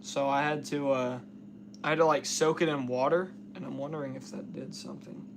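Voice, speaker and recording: A man hosting a casual outdoors livestream, talking excitedly and rambling with many fillers while he has the hiccups. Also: mid-range voice, brisk, noisy background. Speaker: outdoors channel host.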